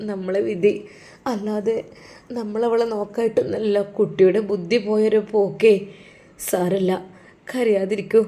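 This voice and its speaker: A woman voicing a heartbroken older father, a religious teacher, who speaks in a gentle, sorrowful, consoling way. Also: medium pitch, close to an everyday voice.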